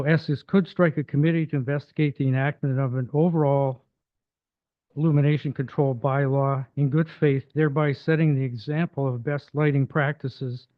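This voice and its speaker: A hoarse man speaks at a council delegation table, stumbling over fillers and restarts as he reads from prepared notes. The sound is tinny and phone-like with a dry, close feel. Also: mid-range voice, dry recording. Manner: hesitant, many fillers and restarts. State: losing his voice. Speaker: resident delegate addressing council. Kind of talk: formal public delegation, partly read aloud. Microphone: table microphone.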